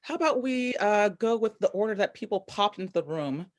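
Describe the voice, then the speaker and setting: A woman's voice: medium pitch, animated, brisk. A woman hosting a workshop on a video call, upbeat, welcoming and chatty. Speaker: workshop host.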